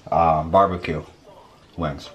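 A man's voice: very deep voice, steady tone, slow, a crowd in the background. A young man hosting a casual food vlog from his home kitchen, laid-back and rambling as he tastes and rates. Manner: laid-back, rambling, tasting between remarks. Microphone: camera mic, webcam framing.

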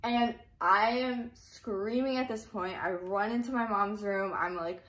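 A woman's voice: mid-range voice, a little slow, fairly bright tone. A young woman telling a personal story in a casual, chatty way, full of fillers. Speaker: YouTuber.

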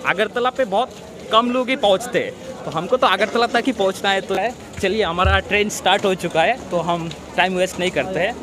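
Strolling through a bustling outdoor railway station, a thirtysomething travel vlogger from Tripura speaks to his arm's-length phone camera in a high, slightly fast voice. He's relaxed and talkative, leading viewers around as crowds chatter and vehicles pass.

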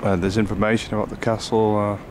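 A man, a native English speaker, giving a casual, halting sightseeing narration outdoors on a handheld camera. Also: lowish voice, level tone. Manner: hesitant, halting. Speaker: vlogger giving a walking tour. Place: outdoors on an open windy clifftop. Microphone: handheld camera's built-in microphone. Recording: windy outdoor handheld camera recording, loud noise. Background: loud wind noise.

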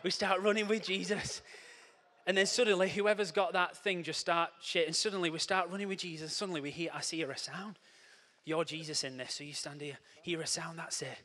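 A man delivers a playful, animated sermon, bright and forceful, with sudden coaching shouts. His fairly high voice rings out with a long hall reverb behind it. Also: brisk. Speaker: church speaker. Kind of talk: lively sermon with props and audience. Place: church hall.

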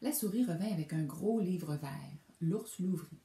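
A woman reading a children's storybook aloud, in an expressive, animated storytelling manner, recorded in an echoey room. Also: lowish voice, normal speed, noisy background. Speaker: reader.

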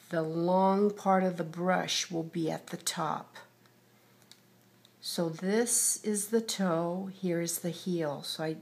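A woman giving a step-by-step painting tutorial, patiently narrating each brushstroke as she works, like a TV painting instructor. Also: fairly low pitch. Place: indoors at a table.

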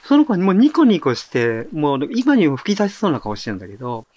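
A man's voice: fairly high pitch, huge pitch swings, fast talker, a little mellow, no echo. A middle-aged man hosting a monologue show, telling a story in a casual, conversational way. At times he drops to a murmur. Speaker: author and monologue host.

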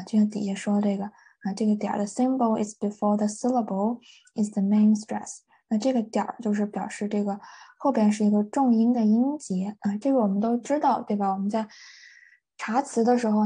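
A woman's voice: mid-range voice, dark tone, husky. A woman teaching an English vocabulary lesson, patiently repeating each word and translating it with many fillers. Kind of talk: vocabulary lesson explaining words.

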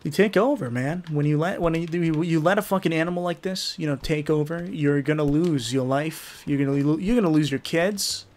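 A young man commentating a game in a rowdy, profane way, yelling taunts at the characters. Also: a little high, moderate pace, few pauses. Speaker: gaming YouTuber.

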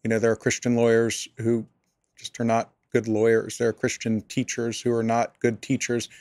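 With a mid-range, monotone voice that is a little mellow, a male pastor and area director responds to a podcast interviewer at a moderate pace. The recording has no room sound, and he answers earnestly and thoughtfully, frequently starting sentences over.

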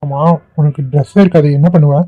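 A man voicing a calm, reassuring young husband in an amateur cartoon, speaking in a soothing, steady way. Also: on the high side, quick pace, no echo, lightly acted. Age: young adult. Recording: tinny phone-like audio.

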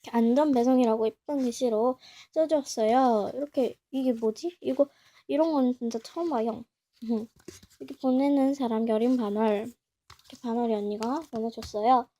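A young woman vlogger chatting casually as she opens a package, talking to herself and gushing with excitement. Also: a little high, moderate pace. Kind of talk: casual unboxing chat.

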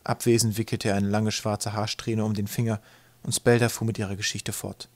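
A man with a fairly low voice narrates an unabridged audiobook. His reading is calm and measured. The recording is close and dry, with no room sound. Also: dry recording.

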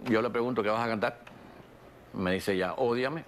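A pianist telling animated stories in a documentary interview, acting out dialogue. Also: male voice, lowish voice, normal speed, over loud music. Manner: animated storyteller, acts out dialogue.

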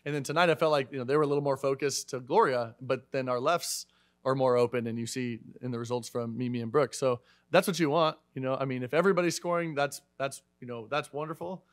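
Fast-talking coach at a press conference. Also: male voice, medium pitch, no echo, studio quality. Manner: fast, conversational, many fillers and restarts. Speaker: head volleyball coach. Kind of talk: post-match press conference. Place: media room in front of a sponsor backdrop. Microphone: desk microphone.

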